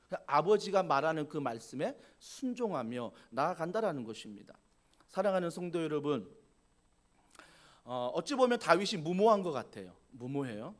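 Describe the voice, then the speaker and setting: High, lively preaching man. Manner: animated, acting out the dialogue of the story. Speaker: pastor. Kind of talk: sermon. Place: church.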